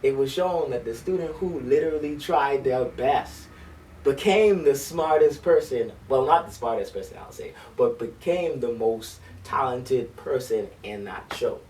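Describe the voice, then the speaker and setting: A man's voice: medium pitch, a little slow, a little mellow, far from the mic, a little hiss or hum, rough recording. A man who directs a school band, talking eagerly in an interview with lots of ums and restarts. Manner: eager storyteller with frequent um and restarts. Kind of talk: conversational interview. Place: library.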